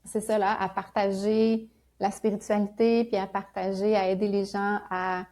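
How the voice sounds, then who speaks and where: Soft-toned Québécois woman, gently reflective. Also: mid-range voice, level tone, moderate pace. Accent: Québécois French. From Quebec. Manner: gentle, reflective, laughs often. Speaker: spiritual guest. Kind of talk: casual conversational interview.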